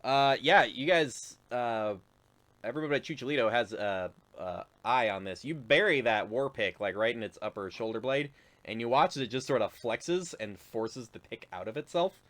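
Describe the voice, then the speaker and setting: A man's voice: medium pitch, expressive, moderate pace, fairly bright tone. A man narrating as game master of a tabletop game, rambling with fillers and frequent chuckles.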